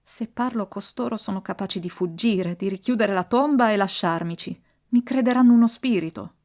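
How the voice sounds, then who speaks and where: A woman's voice: medium pitch, moderate pace, a little mellow, lightly acted. A woman voicing a frightened young boy trapped in a tomb, talking in a panicky, pleading way.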